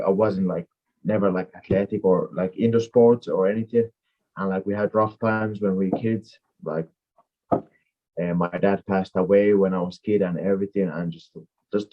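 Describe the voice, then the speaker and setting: A native Finnish speaker in his twenties, raised in Finland, appears as an MMA fighter guest in an interview. His voice is low, the recording has its highs cut off, and his answers ramble with plenty of fillers.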